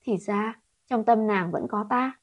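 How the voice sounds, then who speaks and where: A woman's voice: mid-range voice, a little slow. A woman voicing a cold, possessive male prince in a storybook reading, speaking curtly. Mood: tender. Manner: curt, cold, commanding.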